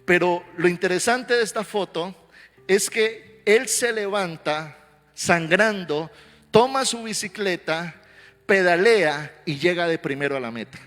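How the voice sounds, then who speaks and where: High-voiced preaching man in a reverberant hall. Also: a little slow. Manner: animated storytelling that swells to loud exhortation. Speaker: pastor. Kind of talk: sermon. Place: church sanctuary. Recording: reverberant hall with faint music.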